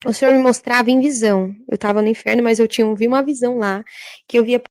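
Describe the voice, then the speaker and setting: A woman, a church worker giving a religious testimony in a halting, repetitive way. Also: fairly high pitch, steady tone, darkish tone, no echo. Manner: halting, repetitive, frequent filler tags.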